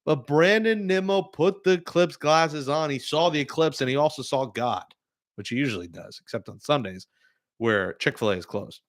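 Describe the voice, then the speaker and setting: A man hosting a live postgame reaction show, talking through the game with excitable, joking fan commentary. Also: on the high side, normal speed. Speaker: sports talk host.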